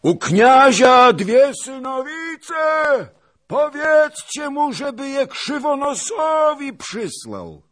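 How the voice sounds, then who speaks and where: Jeering coarse Cossack man, put on by a male reader, shouting taunts, high and strained. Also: sing-song, very slow, exaggerated voice.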